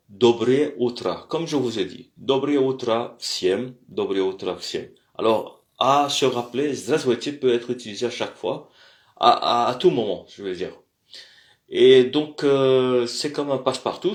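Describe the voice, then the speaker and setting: A man giving a language lesson, speaking haltingly with many pauses and fillers and slowly repeating words for pronunciation. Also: on the low side, roomy sound. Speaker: language teacher. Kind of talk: slow spoken lesson.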